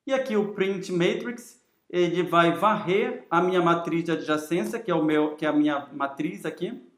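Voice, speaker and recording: Male lecturer, Brazilian accent, high-pitched for a man, explanatory delivery, recorded with noticeable room echo. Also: moderate pace, fairly bright tone. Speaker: teacher. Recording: roomy, echoing sound.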